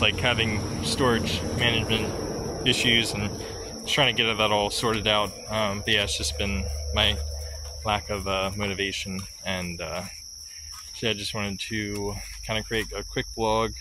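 A young man vlogging on a phone held at arm's length outdoors on a farm, talking in a halting way with many filler words. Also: fairly low pitch. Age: young adult. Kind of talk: casual vlog. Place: outdoors on a farm, among trees and under a tin-roofed shed. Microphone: phone camera at arm's length. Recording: outdoor phone recording with loud insect noise. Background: insects and crickets outdoors.

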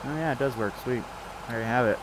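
A man's voice: mid-range voice, fast talker, noisy background. A man hosts a casual live game stream, his voice stuffed up and groggy from the morning. He rambles along with plenty of fillers, restarts and half-finished thoughts. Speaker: streamer playing a farming game with friends.

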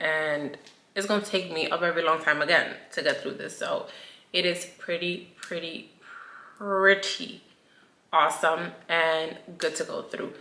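A woman's voice: fairly low pitch, pushed and bright, slight background noise. A woman doing a casual haul video, chatty and playful, talking to her viewers as y'all. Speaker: beauty vlogger. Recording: echoey room.

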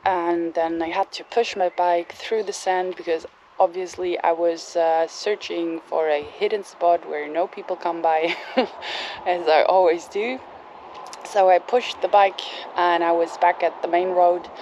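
Casual hesitant woman talking slowly to camera outdoors, fills gaps with um and yeah. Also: lowish voice, steady tone, darkish tone, slight background noise. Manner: hesitant, many fillers and restarts. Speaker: bicycle traveler vlogger. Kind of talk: casual vlog storytelling. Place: outdoors at a campsite.

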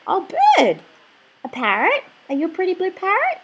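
A woman's voice: very high voice, wildly swooping pitch, normal speed, muffled recording, very noisy. A woman in playful, affectionate pet talk, cooing short questions and phrases over and over. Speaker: pet owner talking to her parrot.

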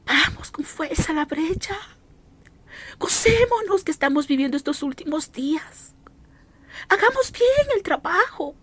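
A woman preacher self-records an audio message of fervent, pleading prophetic exhortation, repeating her appeals to listeners. Her voice is extremely high and a bit bright, animated yet measured in pace, with long pauses.

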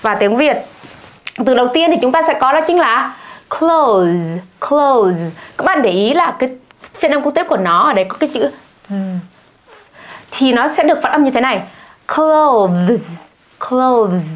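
A woman teaching English vocabulary, saying each word several times slowly and stressing it. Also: sits high, animated, fairly bright tone. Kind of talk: vocabulary lesson.

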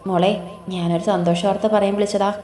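Fond fretful mom in a storybook, a lady reading her part, mellow voice, echoey room. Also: medium pitch, little pitch movement, fast, natural voice. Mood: hopeful. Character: worried devoted middle-aged mother.

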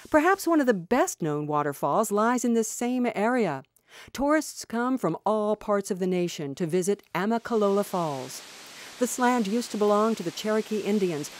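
Calm woman narrating a nature documentary. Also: medium pitch, a little hiss or hum, rough recording. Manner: calm, measured storytelling.

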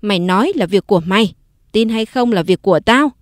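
A woman's voice: medium pitch, fairly quick, dry recording, studio quality, lightly acted. A woman narrator voicing a domineering old mother-in-law who gives curt orders. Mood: commanding. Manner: curt and commanding.

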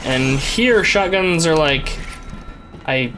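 A man's voice: on the high side, animated, slow, poor audio. Wry man commentating over game music. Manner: wry, rambling. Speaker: gamer commentator. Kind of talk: casual gameplay commentary.

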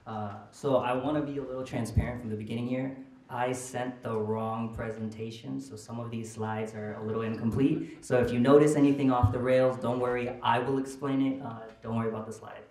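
A young man from Nepal who grew up in the US gives an informal presentation in a hesitant, explanatory manner; he's a student reporting fellow speaking to a small audience in an indoor conference room. His mid-range voice is darkish, fairly even in intonation and a little fast. The echoing room sounds roomy, with slight background noise.

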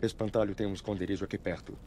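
An actor playing a stern, commanding masked vigilante in a dubbed video game, terse and menacing. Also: male voice, on the low side, steady tone, very fast, over a noisy crowd, lightly acted. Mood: grim, controlled.

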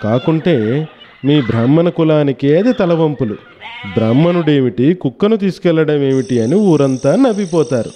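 A man's voice: a little high, lively intonation, moderate pace, warm tone, close to an everyday voice. A man voicing a sly male thief who mocks a priest with sneering, mock-polite talk.

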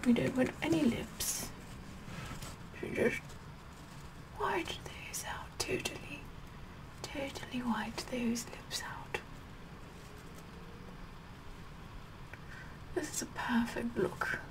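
A woman playing a vain, bossy Tudor queen in a slow, breathy whispered ASMR makeup role-play. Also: high voice, animated, full character voice, low-quality recording. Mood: patient, bossy. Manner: slow, haughty, deliberate, repeating phrases.

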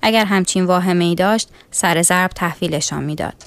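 A woman reading a calm, knowing sailor named Antonio. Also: on the low side, no room sound, close to an everyday voice.

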